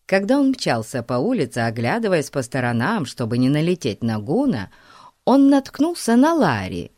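A woman reading a children's story aloud with measured storytelling. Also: deep voice, wildly swooping pitch, a little mellow, no echo, studio quality. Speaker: audiobook reader. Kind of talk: scripted narration.

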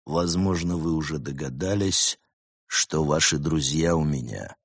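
A man voicing a sly, scheming male snow leopard who leads a cult, talking in a smug, mocking, quietly menacing way. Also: a bass voice, unhurried, breathy edge, dry recording, studio quality, full character voice.

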